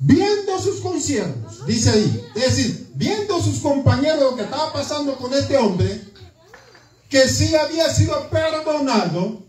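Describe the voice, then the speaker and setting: A man's voice: very high voice, a little mellow. A man preaching a sermon in a church, in a conversational manner that keeps checking in with the congregation. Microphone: church sound system, far from the mic. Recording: echoey church from far off.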